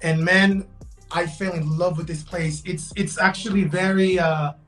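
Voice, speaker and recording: Soft music plays in the background as a young digital fashion designer, Guatemalan-born and LA-raised, talks as a guest in a casual video-call interview. His voice is high, fairly bright, and fairly even, and he's unhurried yet talkative, restarting sentences and saying "bro" and "man."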